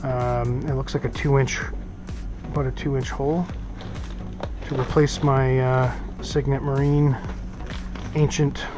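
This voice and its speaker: A middle-aged man with an ordinary mid-pitched voice talks through an unboxing, rambling and filling pauses with "uh" and "um". He is recorded on a head-mounted camera in a small office, with music running clearly behind him. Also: flat delivery. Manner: rambling, thinks aloud with many fillers. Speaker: boating vlogger. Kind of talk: casual unboxing talk.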